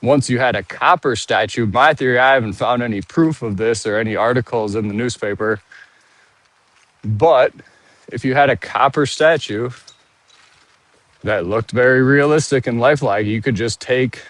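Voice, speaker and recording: A man's voice: medium pitch, moderate pace, a bit bright, no room sound. A man out of breath from walking, rambling and thinking aloud with restarts while he live-streams outdoors and reads viewer comments. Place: outdoors, walking around a monument.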